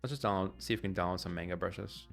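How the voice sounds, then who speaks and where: A man's voice: low-pitched, racing, creaky, a bit bright, soft background music. A young man from Ecuador chatting candidly on a live stream, rambling and correcting himself as he answers viewers. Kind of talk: casual live-stream chat.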